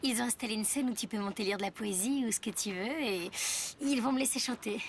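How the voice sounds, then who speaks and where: A woman's voice: a little high, fast, close to an everyday voice. A young woman playing a polite, friendly teenage girl in a French-dubbed film with faint noise behind.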